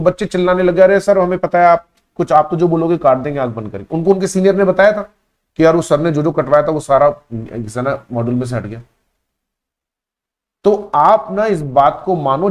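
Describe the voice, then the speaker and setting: An adult man teaching a live online class, his voice sitting a little on the high side. He presses his points hard, says the same phrase two or three times for weight, and talks to his students in a warm, instructive way. He keeps up a steady lecture while taking their questions. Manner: emphatic, repeats key phrases, addresses students as beta.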